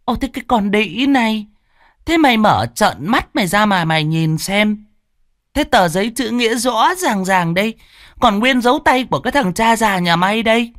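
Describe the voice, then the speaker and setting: A man's voice: sits high, very animated, fairly bright tone, dry recording, clean studio sound, voice pushed up, exaggerated voice. A man voicing a greedy, abusive old landlady who screeches and scolds. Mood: shrill scolding. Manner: screeching, scolding, drawn-out fillers.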